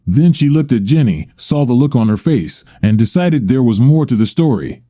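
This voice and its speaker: A man narrating a first-person story and reading every character's lines in much the same even voice. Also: mid-range voice, normal speed, no echo, clean studio sound.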